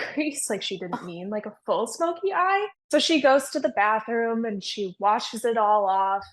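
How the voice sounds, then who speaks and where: A woman in her thirties, a podcast guest, telling a story casually with lots of "like" fillers. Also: medium pitch. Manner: chatty, frequent "like" fillers, laughs while telling stories. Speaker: guest, bridal makeup artist.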